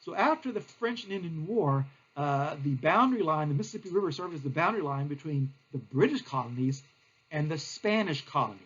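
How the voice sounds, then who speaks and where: A man's voice: fairly high pitch, animated, a little fast, a bit bright, slightly rough, muffled recording. A male teacher, giving a recorded history lecture in a plain, explanatory way with frequent fillers.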